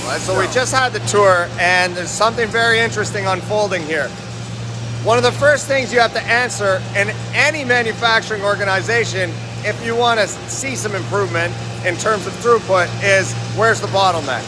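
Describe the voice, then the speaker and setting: High-voiced man vlogging in a noisy factory. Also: normal speed. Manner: energetic, talks straight to viewers, asks them questions. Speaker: lean manufacturing consultant. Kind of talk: walking factory-tour vlog. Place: large indoor factory warehouse. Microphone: phone held at arm's length, selfie framing.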